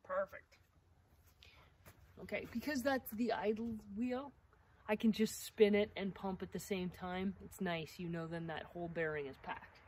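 Speaking a little slowly in a mid-range, slightly mellow voice, the middle-aged sawmill owner walks through maintenance outdoors in an encouraging, practical way. The camera-mic recording of this instructional video carries a little hiss or hum.

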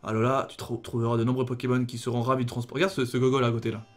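A man's voice: mid-range voice, level tone, rapid-fire. A young man chatting casually and commentating while he plays a video game. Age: young adult. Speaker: video game player and co-host. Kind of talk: casual gaming commentary, reading game dialogue aloud. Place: small room at home, on webcam. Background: video game music.

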